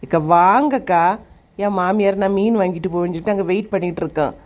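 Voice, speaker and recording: A woman plays a cheeky young cartoon village woman with a Kanyakumari Tamil accent. Her voice is at a middle pitch and sounds natural. She teases and coaxes in a wheedling, playful way. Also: quick pace, darkish tone, lightly acted. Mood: teasing. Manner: teasing, pleading. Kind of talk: animated comedy dialogue.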